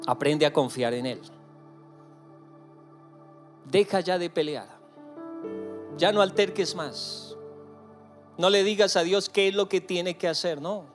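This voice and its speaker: A man preaching a sermon in earnest, slowing and softening on key phrases. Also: high voice, faint music behind. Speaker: pastor.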